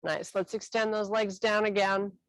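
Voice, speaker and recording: A woman instructor guiding a stretching class with calm, encouraging cues. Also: medium pitch, no room sound, low-quality recording. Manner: calm, encouraging cueing with a slow, unhurried delivery.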